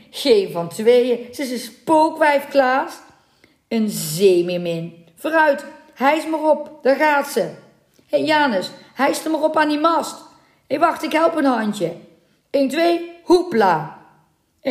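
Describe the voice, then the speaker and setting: Coarse, mocking fishermen from an old sea legend, as a woman reader puts them on, calling out in loud, raised, scornful voices. The reading is unhurried, and the voice carries in a roomy, echoing space. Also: fairly high pitch, pitched above the performer's own voice. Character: rough mocking male fishermen, jeering crowd.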